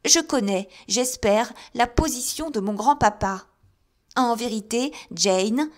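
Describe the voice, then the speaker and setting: A woman's voice: on the high side, slow, pitched above the performer's own voice. A woman reading aloud, putting on a haughty, imperious mother who scolds her child sharply. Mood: haughty scolding. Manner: sharp, indignant, commanding.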